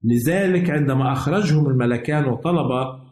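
A man's voice: mid-range voice, brisk, darkish tone. Guy hosting a bible lesson on radio, formal teacherly delivery, kinda echoey recording. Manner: formal, didactic. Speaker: religious radio program host. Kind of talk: scripted Bible lesson talk. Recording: roomy, echoing voice recording.

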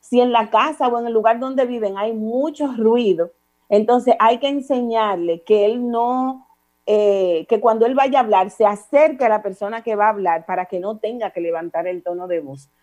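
A middle-aged woman with a Dominican accent giving calm, instructive parenting advice as a guest on a talk show. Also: fairly high pitch, normal speed. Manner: calm, didactic, addresses listener formally with repeated examples.

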